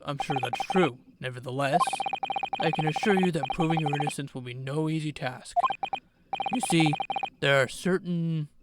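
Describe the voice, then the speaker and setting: A man voicing a composed, formal male professor from a video game, speaking in a measured way. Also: fairly high pitch, very noisy, close to an everyday voice. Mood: grave, measured. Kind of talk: video game dialogue read aloud. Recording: loud game music behind voice.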